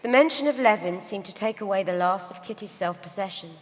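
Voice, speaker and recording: A woman reading novel narration aloud at a live event, calm and measured. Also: mid-range voice. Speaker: reader. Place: large event hall on stage. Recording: hall reverb.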